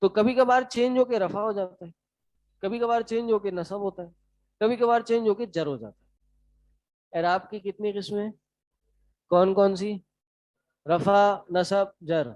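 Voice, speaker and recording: A man with a Pakistani Urdu accent teaching a lesson, quizzing his students in a brisk, encouraging way. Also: high voice, a little mellow, no echo. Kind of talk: classroom lecture. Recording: dry, slightly dull sound.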